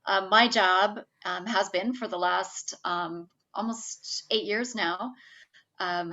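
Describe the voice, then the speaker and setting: A middle-aged woman with a husky whiskey voice, talking casually as a podcast guest and joking at her own expense. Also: medium pitch, fairly bright tone, muffled recording. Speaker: guest, small business center director.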